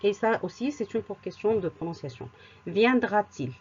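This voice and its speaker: A woman teaching a grammar lesson, explaining rules slowly with spoken examples and occasional hesitant fillers. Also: mid-range voice, animated, a little mellow, lo-fi sound, a little hiss or hum. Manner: slow and deliberate, repeats words, hesitant fillers. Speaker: French teacher.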